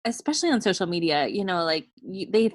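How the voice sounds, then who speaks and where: Low-voiced woman podcast host. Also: big pitch swings, fast talker, no echo, clean studio sound. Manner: curious, asks open questions. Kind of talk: casual interview chat.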